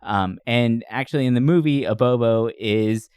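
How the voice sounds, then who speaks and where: A man co-hosting a podcast talks through movies casually and eagerly, using a slangy review style. His voice is medium in pitch, a little mellow and smooth, moving at a moderate pace with no echo.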